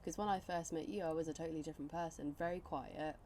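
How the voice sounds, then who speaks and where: A woman's voice: low voice, steady tone, fast, dark tone, a little hiss or hum. A woman co-hosting a podcast, chatting casually with cheeky, easy humour. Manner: laughs easily, cheeky banter. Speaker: podcast co-host. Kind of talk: casual chat.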